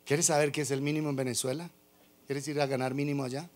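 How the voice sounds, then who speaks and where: A man's voice: mid-range voice, level tone, fast, a little mellow. A man preaching a sermon, emphatic and drawn out, full of rhetorical questions.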